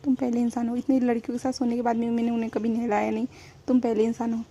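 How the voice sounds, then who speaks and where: A woman reading the lines of a cocky, grudgingly caring rich young man, a bit louder than her narration, with a husky voice. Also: on the high side, flat delivery, fast. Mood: grumbling.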